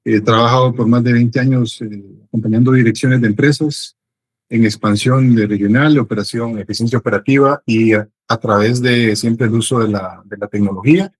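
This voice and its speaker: A middle-aged business consultant from Honduras answers interview questions at a measured pace. His voice has a slightly husky, breathy edge. He often pauses, restarts and gathers his thoughts mid-sentence. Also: mid-range voice, steady tone, low-quality recording.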